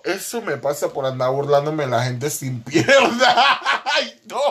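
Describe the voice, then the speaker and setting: A young man with a high voice hosts a podcast alone and tells stories about his own mishaps. He is animated and profane, mocks himself freely and keeps breaking into laughter as he goes. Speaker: podcast host. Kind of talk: comic storytelling monologue.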